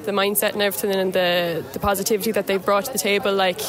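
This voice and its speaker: A woman's voice: medium pitch, flat delivery, fast. A young woman with a west of Ireland accent, speaking casually as a player in a post-match interview outdoors. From Galway, west of Ireland. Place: outdoors at a sports ground. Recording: outdoors with crowd noise behind.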